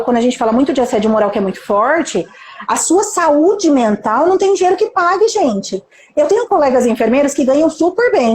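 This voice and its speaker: Brazilian nurse leader, high voice, mellow tone, emphatic motivational live talk with faint background hiss. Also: female voice, echoey room. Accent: Brazilian Portuguese. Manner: emphatic, rhetorical questions, acts out quotes. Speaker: nurse manager and mentor, live guest.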